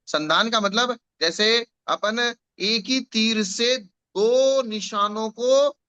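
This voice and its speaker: A man's voice: high voice, drawn-out words, bright, forceful tone, clear, resonant tone. A man teaching a scripture class, explaining patiently with examples and repetition.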